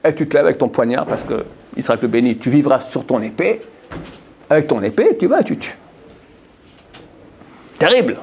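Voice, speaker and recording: A man's voice: medium pitch, sing-song, fairly quick, vocal fry, a little mellow, a little hiss or hum. A man giving a Torah lesson to a group of men, repeating phrases and putting questions to his listeners. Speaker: Torah teacher.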